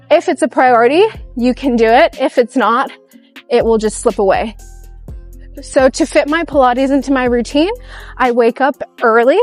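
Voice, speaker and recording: A young woman chatting casually into her camera while out on a walk, upbeat and giggly. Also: sits high. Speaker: vlogger. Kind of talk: casual vlog chat while walking. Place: outdoors on a walk.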